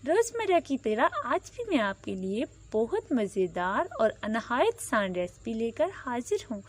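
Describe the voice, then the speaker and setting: A woman with a Pakistani Urdu accent hosts a cooking channel from her stove, her slightly high voice very animated and measured in pace. Over sizzling oil and stirring, and in poor audio, she politely and methodically walks through the recipe, listing quantities step by step.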